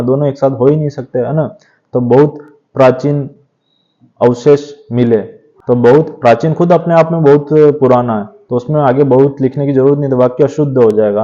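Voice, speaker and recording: A man's voice: mid-range voice, warm tone. A man teaching an exam revision lecture on grammar, explaining steadily and often checking in with a tag question. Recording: dull lo-fi sound.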